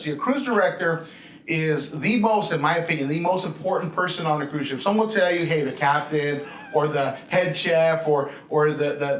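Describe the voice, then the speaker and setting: A man's voice: fairly high pitch, fairly bright tone. A man hosting a cruise channel, interviewing casually and effusively with plenty of compliments, in a roomy recording. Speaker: host of a cruise video channel. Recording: echoey, roomy sound.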